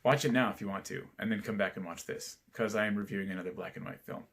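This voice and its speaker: A man's voice: fairly low pitch, quick pace, creaky, fairly bright tone, breathy edge. A man hosting a film review introduces it in a put-on transatlantic accent, with the affected, old-fashioned delivery of a 1950s narrator.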